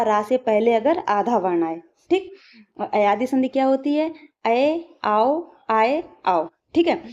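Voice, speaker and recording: A woman with a fairly high, mellow voice teaches an exam-prep grammar lesson. She drills each rule and example patiently, pausing to check in with her students. The recording is dull and lo-fi. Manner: patient, repeats "ठीक है" often, drills examples slowly.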